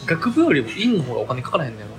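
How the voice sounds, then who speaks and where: Young man, Kansai accent, animated pitch, casual questioning chat, music in background. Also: very fast. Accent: Kansai Japanese. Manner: questioning, inquisitive. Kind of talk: casual chat between friends.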